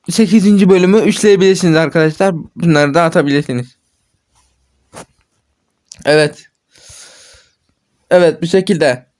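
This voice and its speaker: A man's voice: sits high, a little mellow. A man hosting a gaming channel, giving chatty, casual gameplay commentary and correcting himself often as he talks to viewers. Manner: chatty, self-correcting, addresses viewers as friends. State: frustrated after repeated mistakes.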